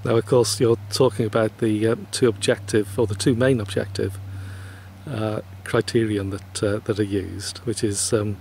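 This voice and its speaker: A man's voice: lowish voice, flat delivery, normal speed, vocal fry, a little mellow, slight background noise. A man interviewing a guest in a polite, hesitant way, with many fillers. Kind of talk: conversational interview.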